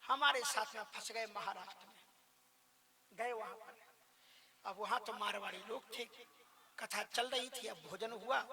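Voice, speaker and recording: A man giving a religious discourse, telling stories in an animated way, acting out quoted voices and breaking into chanted verses. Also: extremely high pitch.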